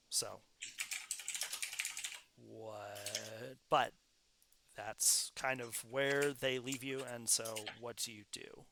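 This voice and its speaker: A man narrating as game master in a relaxed way, with many pauses and fillers. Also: mid-range voice, background noise. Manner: relaxed, lots of fillers and laughs.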